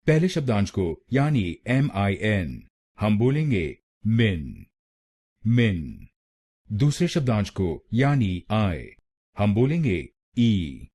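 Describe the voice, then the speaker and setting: Indian man, low husky voice, unhurried tutor who repeats each syllable. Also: dark tone. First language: Hindi. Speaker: pronunciation teacher. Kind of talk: slow instructional explanation.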